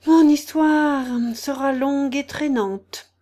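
A woman's voice: medium pitch, sing-song, moderate pace, a little mellow, close to an everyday voice. A woman voicing a touchy, stern mouse who speaks curtly and severely. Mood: weary. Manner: curt and severe.

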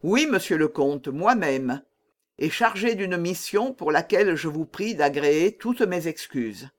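A man's voice: on the high side, animated, a little slow. A man voicing a courteous guard officer in a storybook reading, formal and apologetic. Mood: polite formal.

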